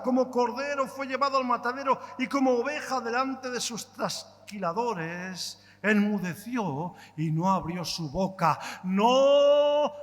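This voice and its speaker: Impassioned high-voiced preacher. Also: male voice. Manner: impassioned, rhetorical questions, swings between loud and hushed. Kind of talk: sermon. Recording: long hall reverb.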